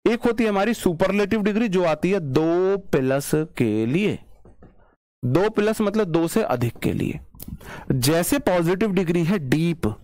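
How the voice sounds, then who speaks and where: A male English teacher, his pitch rising and falling animatedly as he explains. His voice sits a touch high, and the recording is dry and close. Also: darkish tone, dry recording. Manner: explains by repeating, drawn-out word demonstrations; chatty, teasing asides to students. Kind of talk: online class lecture.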